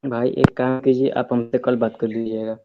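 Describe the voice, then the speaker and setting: A man calling in to an online debate on a headphone mic, quiet and agreeable. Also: medium pitch, little pitch movement. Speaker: caller. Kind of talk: call-in over an online stream. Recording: dull, lo-fi headset line with faint hiss.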